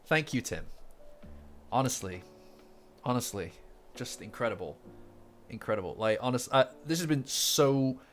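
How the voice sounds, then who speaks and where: With a mid-range, animated voice at normal speed, a man runs a casual manga commentary livestream. His speech meanders through fillers, repetitions and restarts as soft lofi guitar music plays faintly.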